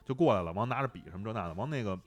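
Male podcast host, quick, lively storyteller, rambling delivery. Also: fairly low pitch. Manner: animated, rambling storyteller with many fillers. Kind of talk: casual storytelling chat.

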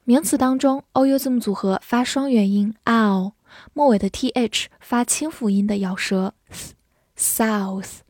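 A woman teaching English vocabulary in a clear, patient way, spelling out words and reading model sentences slowly. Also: on the high side, a little mellow, no echo, studio quality. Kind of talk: vocabulary lesson.

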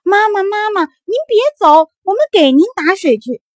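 A woman voicing a group of young children in a storybook, calling out loudly in high voices. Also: expressive, moderate pace, no echo. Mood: desperate. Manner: loud, high, urgent shouting.

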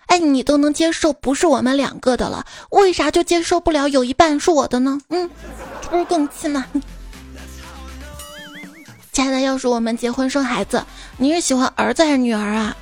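A woman's voice: high-pitched, fairly quick, soft background music. A woman reading funny anecdotes aloud, playfully acting out the dialogue. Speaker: joke reader.

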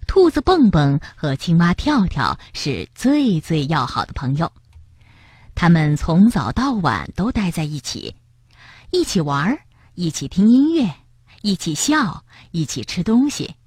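A woman reading a children's storybook aloud in an expressive way, speaking to young listeners. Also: on the low side, measured pace, husky, dry recording, clean studio sound.

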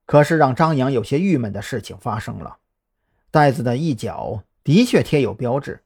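A man narrating a serialized suspense novel in an expressive, suspense-building storytelling manner. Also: mid-range voice, slightly rough. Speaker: audiobook narrator.

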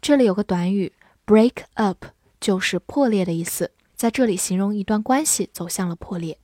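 A woman teaching English vocabulary, who spells out words letter by letter and reads example sentences slowly. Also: medium pitch, dark tone, no room sound, studio quality. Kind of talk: vocabulary lesson.

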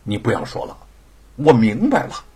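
A man's voice: medium pitch, huge pitch swings, normal speed, dark tone, husky, heavily acted. A man playing a sly, passionate scholar. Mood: stern teasing. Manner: dramatic, swings from pleading to stern.

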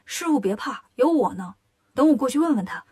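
A cheeky, bragging monkey king, as a woman storyteller puts him on. He talks briskly and cocky in a children's storybook tale. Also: high-pitched, expressive, a little mellow, husky. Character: boastful cheeky young monkey king disciple.

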